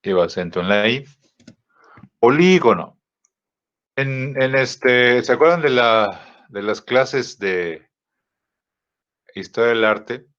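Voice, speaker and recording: Slow halting male teacher, lo-fi audio. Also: medium pitch, fairly bright tone. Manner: slow, halting, many fillers and rhetorical checks. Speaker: design teacher. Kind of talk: software tutorial lesson. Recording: dull lo-fi audio.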